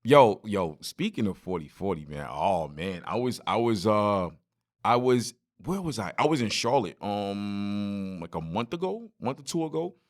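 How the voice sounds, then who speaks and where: A man, hosting a solo podcast and telling stories in lively street slang straight to his listeners. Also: on the low side, unhurried. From Brooklyn, New York. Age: 40s. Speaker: podcast host.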